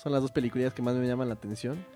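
A Mexican man with a medium-pitched voice talks casually as a podcast co-host. He is opinionated and loose with slang and profanity, with faint music behind him. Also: rapid-fire, mellow. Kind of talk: casual chat about films.

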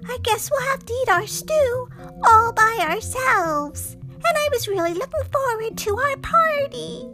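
A woman puts on a little witch girl for a storybook reading, eager to throw a party. The voice is squeaky and chirpy, set very high, and it rises and falls a lot. It moves slowly. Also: sing-song, bright, forceful tone, faint music behind, heavily acted. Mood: sad.

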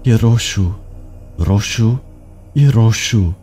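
A man's voice: lowish voice, dark tone, faint music behind, voice pushed up, lightly acted. A man voicing a terrified male prisoner who cries out in panic. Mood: panicked. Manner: panicked, crying out.

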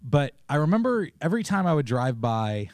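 A man's voice: on the high side, very animated, fairly quick, no echo. A man co-hosting a casual faith podcast, telling stories with many restarts and asides. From Oregon, United States. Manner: rambling, storytelling with many restarts. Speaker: podcast co-host.

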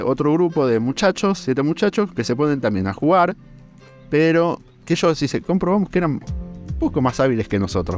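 A young man with an Argentine accent hosting a podcast, telling a story in a casual, animated way with lots of fillers. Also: mid-range voice. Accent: Argentine Spanish. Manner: animated, drawn-out fillers, laughs while telling. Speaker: podcast host.

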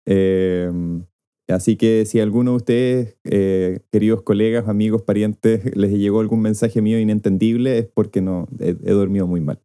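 A man's voice: on the low side, steady tone, normal speed, warm tone. A man co-hosting a casual chat, speaking with dry, wry humor. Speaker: podcast co-host.

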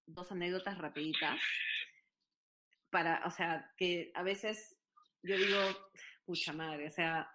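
A woman's voice: on the low side, fairly even intonation, takes it slowly, pauses often, pushed and bright. A Peruvian woman telling stories in a casual chat, earnest and full of fillers. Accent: Peruvian Spanish. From Peru. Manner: hesitant, many fillers, earnest storytelling.

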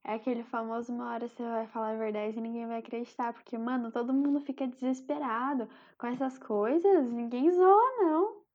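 Chatty Brazilian woman, high voice. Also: a little fast, hardly any pauses, darkish tone. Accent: Brazilian Portuguese. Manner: chatty, addresses listeners directly. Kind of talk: casual storytelling. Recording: slightly dull lo-fi sound.

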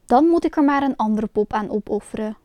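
A woman voicing a gruff, frightening male puppet master who barks orders. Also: a little high, fairly quick, no echo, close to an everyday voice. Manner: bossy, shouting.

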